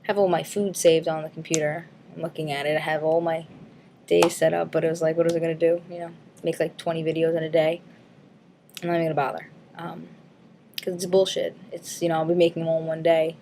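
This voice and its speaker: A woman's voice: low-pitched, little pitch movement, fast, creaky, dark tone, slight background noise. A woman vlogger chatting casually and frankly in a weekly update, rambling with many ums and likes and the odd swear word. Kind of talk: casual weight-loss update vlog.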